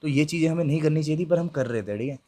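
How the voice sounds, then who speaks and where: A young man races through his own ghost story for YouTube viewers, his slightly high voice carrying a warm tone. He keeps it casual and chatty, talking to the audience directly and checking in with fillers throughout.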